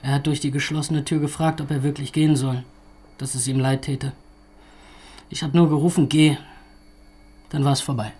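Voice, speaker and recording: An actor playing a shaken young man who speaks haltingly and quietly in a radio play. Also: on the high side, fairly even intonation, husky.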